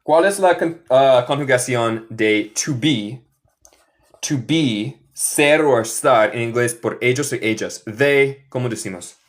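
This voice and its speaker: Male American teacher, live online class, slow careful delivery, switches between Spanish and English. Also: medium pitch. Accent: American English speaking Spanish. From Michigan. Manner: slow deliberate drilling, mixing Spanish and English.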